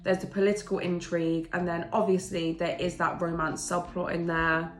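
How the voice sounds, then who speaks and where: Speaking at a moderate pace in a lowish voice with little pitch movement, an English woman reviews her recent reads in a casual, gushing book vlog. Her nose is blocked from a cold, yet she sounds enthusiastic and chatty. Faint music plays behind her in an echoey room.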